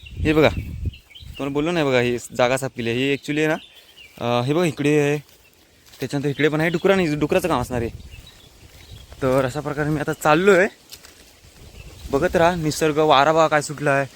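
A man's voice: fairly high pitch, moderate pace, pauses often, a little hiss or hum. A young man from the Konkan, chatting to viewers as he walks through the countryside with his phone camera. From Konkan, India. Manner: chatty, mixes English words, talks to viewers directly. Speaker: vlogger. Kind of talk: casual walking vlog narration. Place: outdoors in forest and fields.

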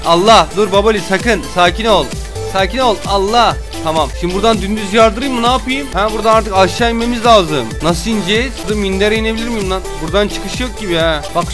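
A young man giving casual let's-play commentary, jokey and excitable, swinging from low mutters to sudden yelps and shouts. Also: quick pace, over music. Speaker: gaming YouTuber.

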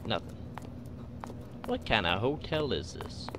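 Guy streaming a scary game, joking around, voice all over the place, kinda slow, bit noisy. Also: lowish voice, very animated. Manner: jokey, talks back to game characters. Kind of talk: casual horror game playthrough commentary.

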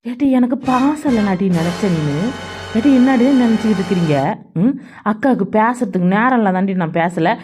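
A woman's voice: mid-range voice, expressive, fairly quick, music in the background, close to an everyday voice. Woman playing a bossy village friend. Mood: defensive.

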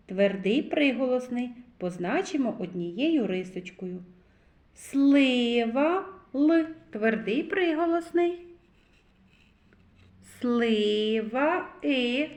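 A woman's voice: a little high, darkish tone. A woman teaching a phonics lesson to young children, drawing out each word and spelling sounds out one by one. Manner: slow, drawn-out words, sounds spelled out one by one. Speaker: preschool teacher. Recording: echoey room.

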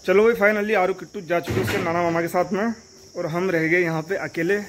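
A man's voice: high-pitched, fairly even intonation, a little fast. A young man, a family vlogger chatting casually at home and often calling his viewers brother. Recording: noisy home phone recording.

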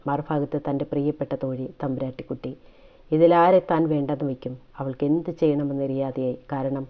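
A woman reading a serialized romance story aloud with steady, emotive storytelling. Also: a bass voice, highs cut off.

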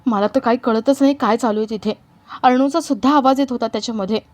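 A woman's voice: fairly high pitch, quick pace, lightly acted. A woman voicing an anxious middle-aged mother worried about her married daughter, speaking in a fretful way.

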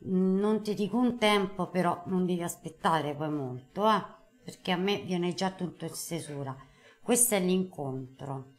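A woman's voice: fairly low pitch, measured pace. A middle-aged woman hosting a live call-in card reading, emphatic and affectionate, using endearments. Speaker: host, tarot card reader. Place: TV studio. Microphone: lapel mic.

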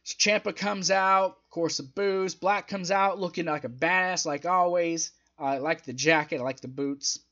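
A young wrestling review host talks in a slightly high, bright, forceful voice at a normal speed, barely pausing. His take is casual, opinionated, and emphatic yet conversational, with a hint of throat strain. He sits at a close desk microphone in a small home room, and the sound is muffled.

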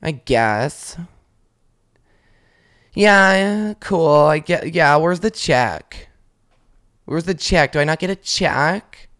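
A woman's voice: deep voice, animated, extremely slow, long pauses, fairly bright tone, full character voice. A woman voicing a whiny, bored young woman who is always complaining, drawling and sarcastic, as a comedy podcast impression.

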